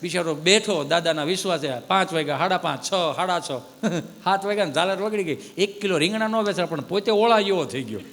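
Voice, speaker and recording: A man's voice: sits high, a little fast, in a large hall. A man telling comic stories on a live stage. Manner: lively storytelling. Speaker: stand-up comedian. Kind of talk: live Gujarati folk comedy.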